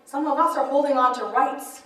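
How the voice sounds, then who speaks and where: A woman speaker sharing a personal testimony in an animated, laughing storytelling manner. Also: high voice, fairly quick. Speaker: author and speaker. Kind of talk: personal testimony at a church event. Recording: echoey hall, mic far off.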